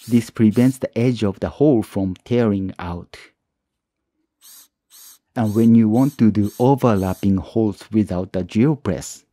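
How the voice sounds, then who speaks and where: A woodworking channel host, a man with a mellow, lowish voice, narrates a hand-tool project as a calm tutorial voice-over. His wording is plain and a little non-native. The recording is dry and close-miked, with no room sound at all.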